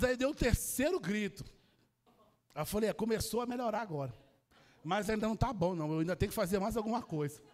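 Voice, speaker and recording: Brazilian male preacher, high-pitched, animated sermon delivery, long church reverb. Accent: Brazilian Portuguese. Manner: animated storytelling, addresses the congregation.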